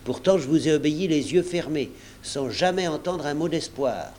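Wily old ship's cook played by a man, blunt slangy talk, higher voice, faint hiss behind. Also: normal speed, darkish tone, lightly acted. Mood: pleading, indignant. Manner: folksy, blunt, slangy speech.

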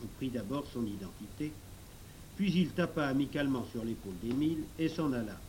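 A man reading a children's novel aloud in measured storybook narration. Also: medium pitch, lively intonation, a little mellow, a little hiss or hum, poor audio. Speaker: audiobook narrator.

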